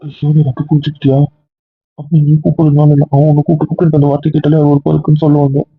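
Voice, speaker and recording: A man's voice: a little high, completely flat delivery, slightly rough, no room sound. A man playing a possessive, jealous young husband in an amateur audio drama, pleading one moment and stubborn the next. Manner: pleading then stubborn, quick-talking. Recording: dry, tinny phone-like lo-fi audio.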